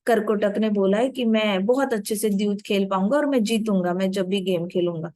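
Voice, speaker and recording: Calm earnest young king, woman doing the voice in a storybook retelling, kinda low and dry. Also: brisk, no echo, close to an everyday voice. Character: humble, determined young king, male.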